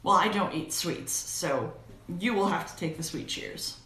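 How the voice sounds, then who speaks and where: A woman's voice: lowish voice, measured pace, a bit bright, echoey room. A woman playing the male archangel Gabriel on a cosplay role-play livestream, chatting in a playful way. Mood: chatty playful. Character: Archangel Gabriel, a cheerful, pompous male angel.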